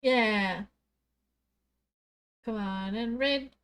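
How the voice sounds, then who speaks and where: A woman's voice: fairly high pitch, extremely slow, fairly bright tone, clear, resonant tone. A woman streamer in casual chat, upbeat, talking straight to her viewers. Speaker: streamer and player.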